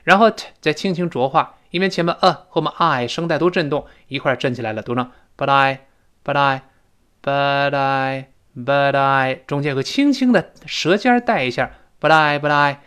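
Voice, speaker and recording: Lively man teaching sounds. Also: fairly high pitch. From China. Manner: explains step by step, models English phrases slowly and repeats them. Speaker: English pronunciation teacher. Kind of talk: lecture-style language lesson.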